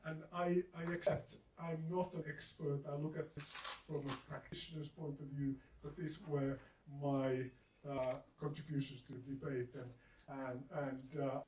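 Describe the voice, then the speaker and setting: A man's voice: fairly high pitch, level tone, moderate pace, darkish tone. A man speaking as a discussant on an academic panel, blunt and hesitant, often restarting his sentences. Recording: echoey room from far off, faint hiss.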